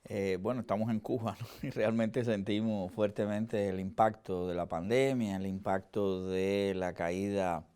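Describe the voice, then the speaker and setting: Lowish Cuban man interviewing conversationally. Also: fairly even intonation, a little slow, few pauses, mellow, clear, resonant tone. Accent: Cuban Caribbean Spanish. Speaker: regular analyst and interviewer.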